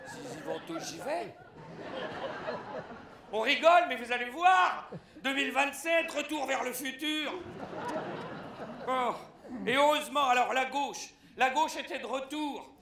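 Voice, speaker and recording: A man with a very high voice delivers a satirical press review on stage, animated and punctuated with shouts. His voice echoes through the theatre, over a clear background noise. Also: unhurried, pauses often, crowd noise. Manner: animated, breaks into shouted punchlines. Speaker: stand-up satirist.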